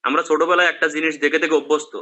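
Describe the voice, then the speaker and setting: A male teacher with a very bright, forceful tone, speaking a little above the usual male pitch. He lectures by asking his class questions and waiting for them to agree. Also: flat delivery, rapid-fire, muffled recording. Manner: explains in questions, checks with students.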